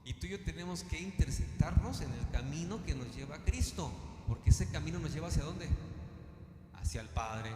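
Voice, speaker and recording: A man's voice: medium pitch, mellow. A man preaching a sermon, asking questions and drawing answers from the congregation. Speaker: pastor. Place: church hall. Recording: echoey church hall, long reverb.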